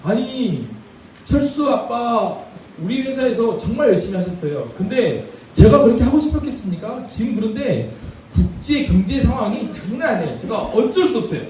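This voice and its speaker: A man's voice: extremely high pitch, very animated, normal speed, warm tone, slight background noise, pitched above the performer's own voice. A man voicing a company boss who politely and regretfully excuses himself. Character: apologetic company boss blaming the economy. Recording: echoey room from far off.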